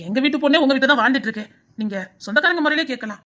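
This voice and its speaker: A woman voices a calm, sympathetic male politician with a Tirunelveli Tamil accent, speaking in a soothing, matter-of-fact way. Her delivery is high-pitched and rapid-fire, with a slight hiss or hum in the audio.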